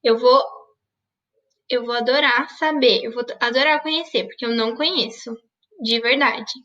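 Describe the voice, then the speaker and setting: A woman's voice: a little high, normal speed, bright, forceful tone, distant mic, dull audio. A woman teacher giving an online grammar lesson, asking questions and answering them herself. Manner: didactic, asks and answers her own questions.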